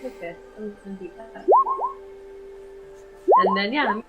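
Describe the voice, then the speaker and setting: A woman's voice: mid-range voice, huge pitch swings, a little slow, over loud music. A woman playing a tabletop game, speaking in a hesitant, tentative way. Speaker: player. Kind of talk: casual tabletop game play.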